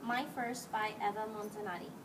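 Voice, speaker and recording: Fairly quick, medium-pitched, and steady in tone, a woman reads a picture book to children as their teacher, acting out the characters' lines with expression. The distant microphone picks up a clearly noisy background.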